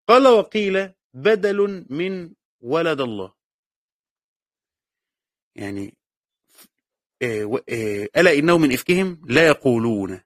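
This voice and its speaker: A man's voice: fairly high pitch, dry recording, studio quality. A man with an Egyptian accent teaching a class. He reads a passage aloud, then explains it and repeats the key words. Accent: Egyptian Arabic. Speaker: teacher of Quran commentary. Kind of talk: classroom lecture reading and explaining a text.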